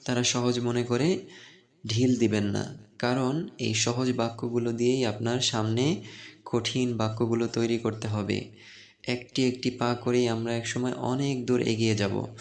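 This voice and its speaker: A man teaching a beginner Arabic class, patient and encouraging, repeating words slowly for students to say back. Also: medium pitch. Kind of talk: online language lesson.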